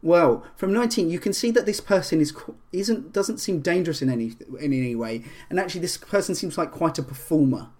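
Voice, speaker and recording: A man running a tabletop role-playing game as game master, describing scenes in a halting way with many fillers and restarts. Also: on the high side, expressive, a little mellow.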